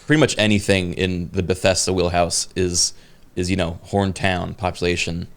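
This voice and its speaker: A man's voice: sits low, level tone, normal speed. A man co-hosting a podcast, talking casually and hesitantly with lots of fillers. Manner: rambling, hesitant with many fillers. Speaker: podcast co-host. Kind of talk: casual chat.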